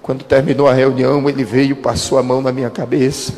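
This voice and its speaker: Pastor telling testimony in reverberant hall. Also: male voice, mid-range voice, level tone, a little mellow. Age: 30s. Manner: dramatic storytelling, slows for quoted speech. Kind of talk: testimony sermon. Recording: reverberant hall with music behind.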